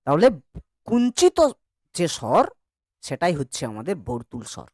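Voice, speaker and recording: A man's voice: a little high, big pitch swings, moderate pace, dry recording, studio quality. A man teaching an online grammar class, chatty and joking as he drills vowel sounds with his students.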